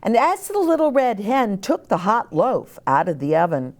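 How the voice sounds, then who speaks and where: A woman reads a children's story aloud, telling it expressively at a normal speed in a medium-pitched voice.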